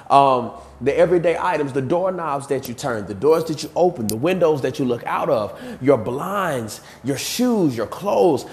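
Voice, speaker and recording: Earnest, slightly winded motivational coach. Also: male voice, on the high side, darkish tone. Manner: earnest, repetitive preaching cadence with many fillers. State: a bit out of breath. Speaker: podcast host and motivational coach. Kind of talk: motivational podcast talk on leadership.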